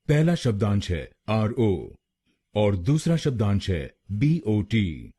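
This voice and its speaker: A man hosting a pronunciation lesson, speaking slowly and deliberately and repeating each word several times. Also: on the low side, mellow, slightly rough. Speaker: pronunciation teacher.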